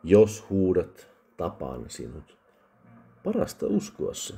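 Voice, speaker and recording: A man voicing a drunk, bitter, menacing soldier with a drunken rasp, harsher and louder than his narration. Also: deep voice, huge pitch swings, exaggerated voice.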